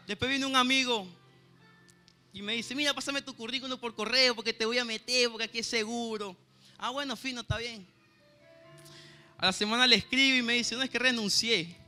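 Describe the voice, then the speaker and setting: High, bright-voiced Venezuelan man preaching. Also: fairly even intonation, a little fast, faint music behind. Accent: Venezuelan Spanish. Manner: earnest, keeps asking "¿sabe, hermano?". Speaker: church pianist preaching. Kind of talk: sermon with personal testimony.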